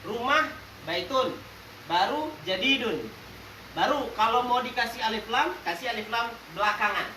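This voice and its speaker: With a very high-pitched voice, a male religious teacher leads a classroom grammar lesson full of call-and-response, playful quizzing and jokes, drawing example words out slowly. The recording is distant and echoey, with faint noise.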